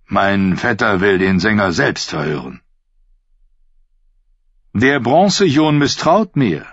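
A man voicing a gruff, stern older lord in an audiobook, growling his lines. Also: lowish voice, very animated, takes it slowly, fairly bright tone, no room sound, lo-fi sound, heavily acted.

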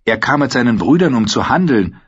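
Guy doing a cheeky wild warrior girl, pitched way up, husky and kinda lo-fi. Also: big pitch swings, a little fast. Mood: boastful. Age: 19 (figure). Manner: teasing, blunt, playful. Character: bold teasing young wildling woman warrior.

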